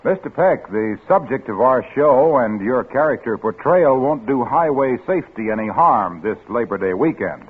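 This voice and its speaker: A man's voice: mid-range voice, expressive, normal speed, hardly any pauses, husky. A man working as a 1940s radio announcer, reading scripted copy and ads with a polished sales manner. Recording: tinny 1940s radio recording, music behind.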